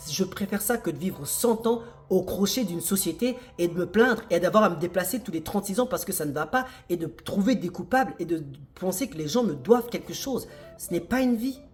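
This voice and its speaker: Guy ranting motivational stuff at the camera, punchy and emphatic, soft music underneath. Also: fairly high pitch. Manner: emphatic, with rhetorical questions to the viewer. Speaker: real estate investor and video host.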